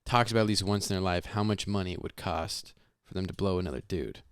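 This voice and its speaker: A man's voice: low voice, quick pace, clean tone, dry recording, clean studio sound. A young adult man co-hosting a casual podcast, teasing his friends and steering the questions. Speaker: podcast co-host. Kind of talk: casual chat.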